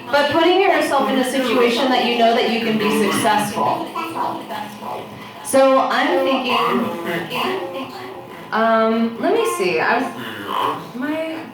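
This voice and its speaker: Echoey, distant woman fortune teller reading cards. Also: on the high side. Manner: fortune teller giving a card reading, addressing the listener directly. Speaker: tarot card reader. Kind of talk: casual, unscripted tarot reading. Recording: echoey room, distant mic, background noise.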